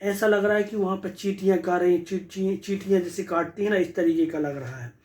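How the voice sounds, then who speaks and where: High-voiced man teaching a medical case. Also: fairly even intonation, brisk, darkish tone, low-quality recording. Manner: mixes Hindi with English phrases, repeats words, many fillers. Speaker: homeopathy doctor. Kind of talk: case presentation lesson.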